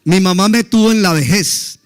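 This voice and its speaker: A man's voice: high voice, moderate pace, smooth. A middle-aged male pastor, preaching a sermon with emphatic exclamations of praise.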